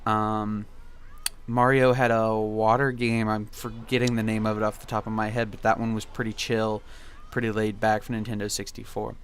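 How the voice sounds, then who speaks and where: A man's voice: lowish voice, flat delivery, normal speed, slight background noise. A young man reminiscing casually in gameplay commentary, with a laid-back, rambling and nostalgic way of talking. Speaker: video game commentary host.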